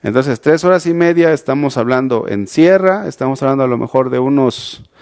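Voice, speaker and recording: A man's voice: medium pitch, fairly quick, a little mellow, clean tone. A man with a Mexican accent preaching a youth sermon, talking casually with many restarts and rhetorical questions. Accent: Mexican Spanish. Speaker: youth pastor. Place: church, streamed online.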